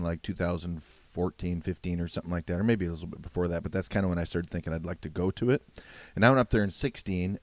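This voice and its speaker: Low-voiced man interviewing casually. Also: a little mellow, no echo.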